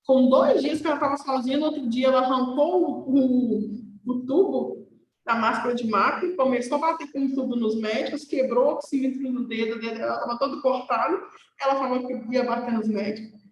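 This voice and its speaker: A woman's voice: high voice, fairly quick, echoey room, rough recording. A young woman teaching an online nursing class in a chatty way, often checking with her students. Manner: conversational, checks with "tá?".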